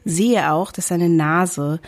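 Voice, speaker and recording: A woman chatting casually, telling an anecdote and acting out shouted quotes. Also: lowish voice, slow. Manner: animated storyteller, acts out shouted quotes.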